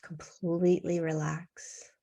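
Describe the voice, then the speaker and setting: A woman leads a meditation in a mellow, soft-edged tone, speaking very slowly and soothingly. Her short phrases are separated by long pauses, and her pitch barely moves.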